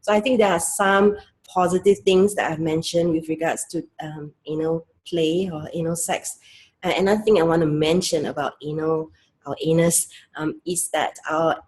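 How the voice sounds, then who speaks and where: A woman, a clinical sexologist giving a calm educational talk in short, explanatory phrases. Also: low-pitched, normal speed, slightly rough. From Singapore.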